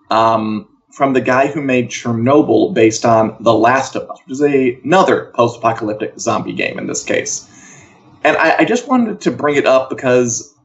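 On an entertainment news live show, a male co-host gives casual, opinionated takes on TV and games, wry in tone with offhand asides. His voice sits at medium pitch, and the audio has its highs cut off.

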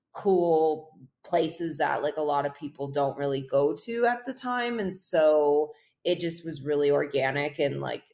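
A woman in her thirties from Hawaii, a guest talking casually in an interview, rambling with lots of "like". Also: low voice. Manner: relaxed, rambling, heavy use of "like". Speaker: guest, pro surfer.

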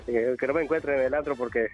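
A man with a Mexican accent calling a radio show over a telephone line, rambling as he tells gossip and often chuckling. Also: medium pitch. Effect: heard over a telephone line. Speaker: radio call-in caller. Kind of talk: casual phone chat, telling gossip. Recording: dull, muffled phone line.

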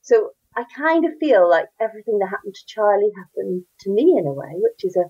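This woman, a children's author from Northern Ireland with the accent to match, answers interview questions with enthusiasm, a storytelling lilt, warmth and laughs. Her medium-pitched voice is fairly quick, slightly rough and full of big pitch swings. The audio sounds dull.

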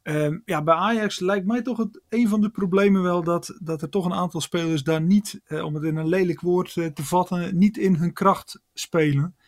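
A man's voice: high-pitched, moderate pace, hardly any pauses, no echo, clean studio sound. Hesitant football pundit, man. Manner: hesitant, many fillers and restarts. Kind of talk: analytical sports chat.

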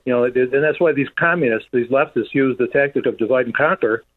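A man calling in to a radio show on a speakerphone from his office, ranting in a rapid, heated way. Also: mid-range voice. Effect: calling in on a speakerphone over a phone line. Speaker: radio call-in caller. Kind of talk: call-in talk radio. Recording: tinny speakerphone line.

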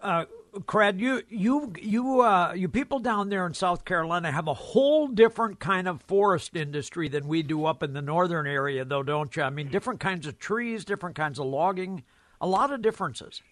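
A genial man hosts a radio talk show. His voice sits slightly high for a man, and the sound is dry and close to the mic. He keeps the talk easygoing. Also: moderate pace, fairly bright tone, no echo. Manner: genial, laughing easily.

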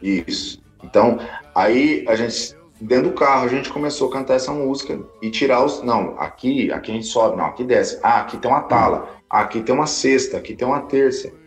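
A man, a guest viola player, telling a story in an animated, slangy, casual way. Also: mid-range voice, soft background music. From Brazil. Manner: animated, slangy, talks fast.

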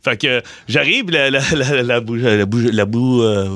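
A man's voice: mid-range voice, unhurried, no room sound. A man with a Quebec French accent telling comic stories on a radio show, laughing and acting out the voices of the people in them. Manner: animated, laughing, acts out voices.

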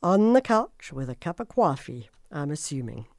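Playful woman radio host, lively voice. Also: low voice, normal speed, dry recording, clean studio sound. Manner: teasing, playful. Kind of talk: radio interview chat.

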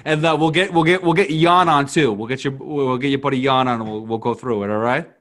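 A man's voice: mid-range voice, a little fast, a bit bright, dry recording. A man hosting a sports podcast, talking casually in an emphatic, colloquial way and often repeating his phrases. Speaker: podcast host. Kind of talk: casual MMA podcast talk and commentary.

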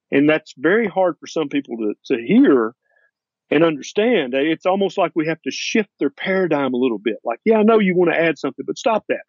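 A man's voice: on the high side, a little mellow, dry recording, highs cut off. A man with a Tennessee accent talking as a doctor in an interview, in a blunt, folksy and emphatic way. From Tennessee, USA. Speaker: doctor and author, interview guest. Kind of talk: conversational interview.

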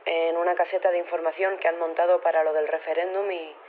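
A fast-talking woman with a fairly low voice and level tone acts as an unflappable robotics professor in an audio fiction phone interview. Her manner is casual, matter-of-fact and understated as she rambles colloquially. The telephone effect gives a tinny line with noticeable background noise.

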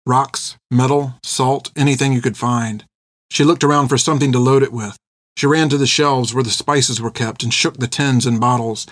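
A man narrating an audiobook in a steady, measured storytelling voice. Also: medium pitch, no room sound, studio quality.

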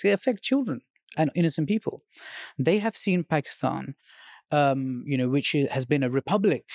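A man's voice: on the high side, a little mellow, no echo, studio quality. A man answering an interviewer's question at length. He speaks earnestly and retells conversations in detail. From Britain. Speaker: interview guest.

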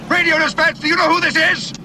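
Goofy radio caller, very high-pitched, heard through a two-way radio, keeps saying his call sign. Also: level tone, quick pace, sharp tone, soft background music, full character voice. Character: goofy high-voiced man calling a radio dispatcher. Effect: heard over a two-way radio.

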